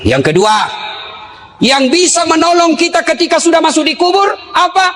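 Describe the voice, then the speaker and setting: A man preaching a humorous sermon, teasing his listeners and breaking into shouts. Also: extremely high pitch, lively intonation, moderate pace. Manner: jokey, teasing, bursts into shouting.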